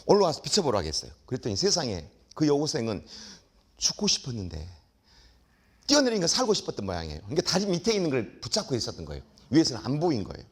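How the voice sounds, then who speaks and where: Man, middle-aged, husky voice, lively swooping pitch, storytelling lecture. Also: quick pace. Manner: animated, acts out dialogue with shouts.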